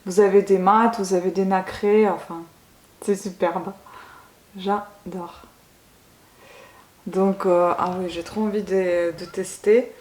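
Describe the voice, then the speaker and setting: A woman unboxing beauty products at home in a casual vlog, gushing over each item and pausing often with filler sounds. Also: mid-range voice, steady tone, darkish tone, roomy sound. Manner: gushing, keeps saying she loves it; hesitant, many filler sounds. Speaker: beauty vlogger.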